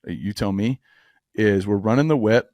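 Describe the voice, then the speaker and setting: Low-ish voice, guy coaching through a play on a podcast, dry sound. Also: normal speed, darkish tone, dry recording. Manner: coaching, walks through footwork step by step. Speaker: football podcast co-host. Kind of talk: film breakdown.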